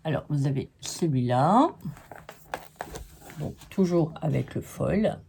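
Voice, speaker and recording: A woman's voice: low voice, lively intonation, slow pace, creaky, warm tone, slight background noise. Chatty woman reviewing craft paper. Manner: chatty, frank opinions on each sheet, talks to viewers. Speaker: scrapbooking vlogger. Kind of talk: casual show-and-tell of paper pads.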